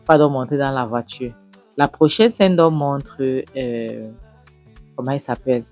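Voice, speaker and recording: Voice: medium pitch, a little slow, darkish tone, soft background music. A reviewer retelling a film episode casually and with animation, acting out the characters' lines and scolding them.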